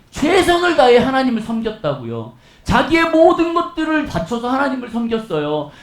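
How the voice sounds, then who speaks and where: A man's voice: extremely high pitch, reverberant. A male pastor preaching a sermon in a conversational, storytelling way, often asking the congregation rhetorical questions.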